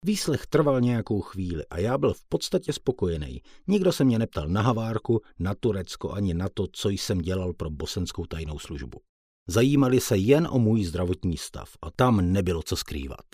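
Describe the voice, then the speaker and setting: A man's voice: deep voice, very animated, warm tone, breathy edge, dry recording, clean studio sound. A man reading a first-person audiobook in a plain, colloquial storytelling manner. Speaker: audiobook narrator.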